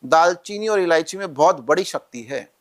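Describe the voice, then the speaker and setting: A man's voice: on the high side, animated, normal speed. A male astrologer guest in a podcast interview, instructively listing remedies step by step.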